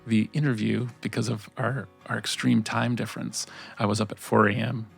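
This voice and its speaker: A male podcast host speaking softly in his quiet early-morning voice, telling stories in a relaxed way with many fillers. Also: lowish voice, normal speed, creaky, husky, faint music behind. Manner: relaxed, filler-heavy storytelling. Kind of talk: podcast intro and interview.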